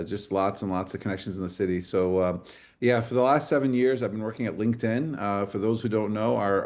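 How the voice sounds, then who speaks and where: Low-voiced man with many fillers. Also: darkish tone. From Michigan, USA. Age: middle-aged. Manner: hesitant, many fillers and restarts. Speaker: guest speaker, engineering director. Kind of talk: fireside chat talk. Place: college classroom.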